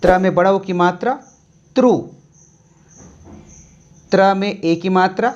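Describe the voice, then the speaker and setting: A teacher slowly dictating a Hindi syllable chart, calmly repeating each sound step by step for young pupils. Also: mid-range voice, muffled recording.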